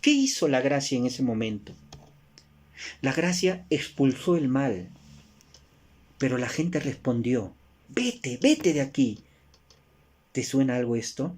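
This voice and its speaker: A Peruvian man preaches in a slow, unhurried voice. He keeps asking the listeners rhetorical questions. His delivery swings from emphatic rises down to quiet, soft endings. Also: mid-range voice, animated. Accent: Peruvian Spanish. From Peru. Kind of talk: sermon.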